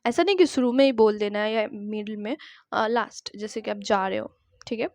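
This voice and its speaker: A young woman teaching spoken English in a friendly, chatty way, saying each English phrase slowly for her students to repeat. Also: medium pitch, darkish tone, no room sound, studio quality. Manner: says English lines slowly for repetition; friendly, chatty explanations with everyday examples.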